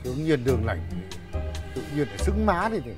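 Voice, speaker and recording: Male actor as a grumpy master of the house, quick and scolding, with lively pitch, over background music. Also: natural voice. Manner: scolding and complaining. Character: grumbling old-fashioned village master, short-tempered. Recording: background music under dialogue.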